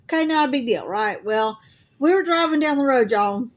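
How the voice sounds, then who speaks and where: A woman's voice: sits high, lively intonation, moderate pace. A middle-aged woman with a Southern US accent chatting casually to her viewers, folksy and talkative, with an asthmatic cough. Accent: Southern US (Alabama). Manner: chatty, folksy, says y'all often. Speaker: crafting vlogger.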